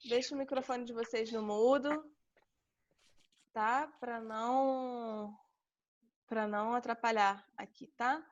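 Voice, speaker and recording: A woman's voice: fairly high pitch, fairly even intonation, takes it slowly, long pauses. A Brazilian woman teaching an online class, explaining step by step and checking in with her students often. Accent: Brazilian Portuguese. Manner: patient, explaining step by step with frequent "tá?". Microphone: video call. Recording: dull lo-fi video call audio.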